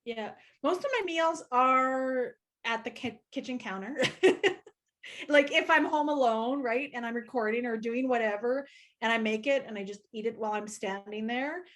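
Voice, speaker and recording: A middle-aged woman in casual chat, agreeable and quick to laugh, with grown children. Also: on the high side, fairly bright tone. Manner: chatty, agreeable, laughs often. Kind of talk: casual chat among friends.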